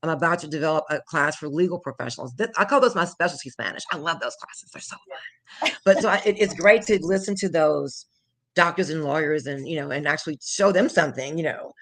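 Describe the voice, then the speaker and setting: A woman from Houston, Texas, with a low, expressive voice talks fast as an interview guest, chatting animatedly about teaching languages. The conversation is casual, and she laughs often and slips into French.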